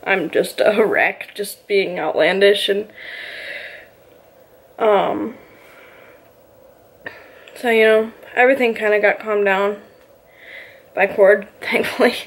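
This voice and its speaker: A woman's voice: medium pitch, fairly even intonation, takes it slowly, pauses often. A woman vlogger casually telling a personal story, rambling and filling her talk with "you know" and "like".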